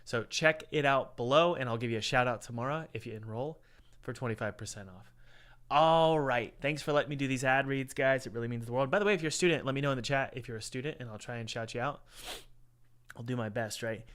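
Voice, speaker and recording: A man reviews indie games on a casual livestream, including an ad read, rambling and repeating himself in a congested, head-cold voice. He speaks briskly in a mid-range, slightly bright voice from a cold home room with an open window.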